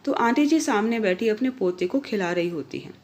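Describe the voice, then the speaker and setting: A woman telling a scripted family story, voicing each character's lines herself with raised pitch and volume. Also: lively intonation, fairly quick, darkish tone. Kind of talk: scripted story narration with acted dialogue.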